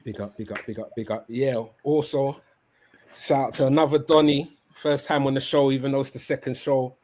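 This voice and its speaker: A male podcast host speaks in a London roadman accent. His delivery is casual and packed with street slang, often tagging questions onto his phrases. His voice sits at an average pitch. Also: steady tone, fairly quick, darkish tone. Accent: London roadman, Multicultural London English. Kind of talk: casual slangy football chat.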